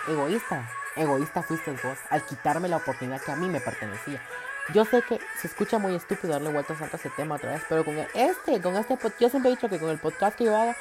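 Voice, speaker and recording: Un hombre con acento centroamericano que habla en su podcast de forma casual, chismosa y presumida, con cambios dramáticos de tono. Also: male voice. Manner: dramatic, gossipy and boastful, with big swings in pitch and loudness. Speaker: podcast host.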